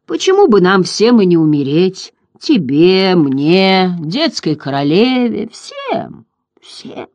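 Morla, a hoarse gurgling ancient turtle, as a reader puts her on. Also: medium pitch, big pitch swings, darkish tone, no room sound, pitched above the performer's own voice. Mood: weary, indifferent. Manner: slow, drawling, fading to whispers. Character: ancient giant female turtle, weary, indifferent. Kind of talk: audiobook character voice.

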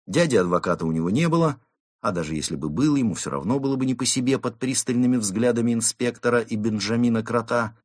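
A man narrating a children's story in a lively storytelling manner. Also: mid-range voice, fast talker, dry recording, studio quality. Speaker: audiobook narrator. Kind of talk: scripted narration.

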